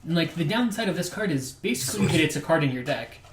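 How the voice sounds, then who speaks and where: A man who is a returning guest on a podcast, chatting casually with a fast, wry, joking manner. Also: fairly high pitch, animated, a loud crowd. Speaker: returning guest, former co-host. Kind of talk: casual chat about card games. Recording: roomy recording with faint noise.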